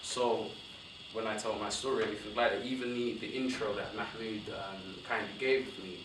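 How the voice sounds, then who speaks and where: A man's voice: on the low side, moderate pace. Young man talking in an echoey hall. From born in Somalia, raised in West London. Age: young adult. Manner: discursive, animated, self-correcting. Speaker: panel speaker. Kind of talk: panel discussion talk. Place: university lecture room. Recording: roomy hall from a distant mic with noise.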